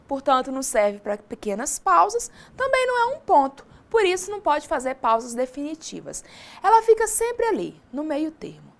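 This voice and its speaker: Lively high-voiced Brazilian teacher woman. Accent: Brazilian Portuguese. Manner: lively, addresses students directly with questions. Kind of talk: recorded distance-learning lesson.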